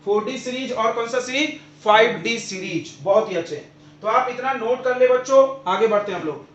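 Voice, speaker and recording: A man with a high voice teaches a chemistry class, repeating his questions and answering them himself so the students follow. He sounds roomy and echoey. The recording is dull and lo-fi. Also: a little hiss or hum. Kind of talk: classroom lecture.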